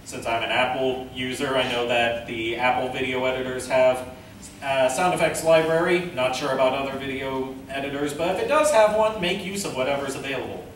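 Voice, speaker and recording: Presenting a how-to panel at a convention, a man explains things casually and step by step, speaking briskly at a medium pitch. He's captured from afar by a distant mic in a very echoey indoor room, with faint noise in the background.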